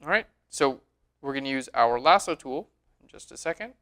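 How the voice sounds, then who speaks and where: Pitched in the middle range and paced moderately, a man talks casually through a photo editing tutorial captured on screen. "All right" comes up again and again as he chats.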